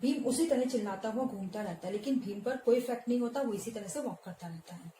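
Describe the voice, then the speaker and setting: A woman's voice: on the high side, fast talker, mellow, slight background noise. A woman teacher explaining a school play scene by scene and glossing words in English, in an echoey room. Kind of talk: explaining a textbook play to a class.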